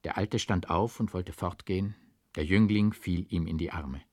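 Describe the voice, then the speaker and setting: A male audiobook reader narrating a classic literary novel with measured, dramatic phrasing and strong emphasis. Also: sits low, darkish tone, no echo, clean studio sound.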